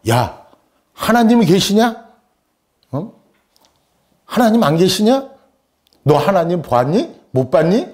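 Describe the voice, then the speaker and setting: A man's voice: sits high, big pitch swings, slow pace, long pauses, darkish tone, voice pushed up, heavily acted. A male pastor voicing a small boy who taunts a girl with challenging questions. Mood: taunting. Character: feisty little boy arguing with a girl.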